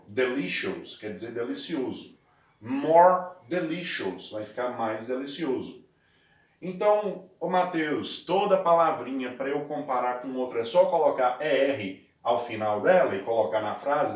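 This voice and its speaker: A man with a Brazilian Portuguese accent giving a recorded English lesson, explaining step by step and slowing down to spell out and stress words. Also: mid-range voice, reverberant, far from the mic. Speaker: English teacher.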